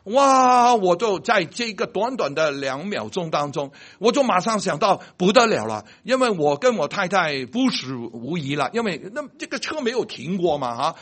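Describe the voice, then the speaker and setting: A man telling a personal faith story about a car accident, checking that listeners follow him and stumbling over words when excited. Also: high-pitched, moderate pace, hardly any pauses. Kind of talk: animated storytelling.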